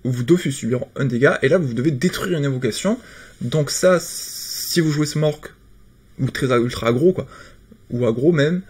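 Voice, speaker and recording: A man with a slightly husky voice comments on a card game update in a relaxed, casual way. He hesitates a lot and often breaks off and restarts his sentences. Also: medium pitch, normal speed. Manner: hesitant, many fillers and restarts. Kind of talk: casual patch-notes commentary.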